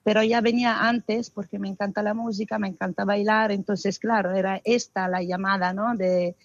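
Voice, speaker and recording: Woman, festival founder, expressive and hesitant, dry close sound. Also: mid-range voice, normal speed, no echo, lo-fi sound. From Italy. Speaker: guest, arts festival founder. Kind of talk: interview answers.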